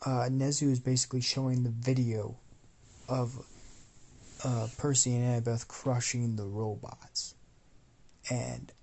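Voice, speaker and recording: A man's voice: mid-range voice, little pitch movement, a little slow, long pauses, mellow. A sleepy young man rambling as he narrates a fan-fiction story, full of fillers and restarts.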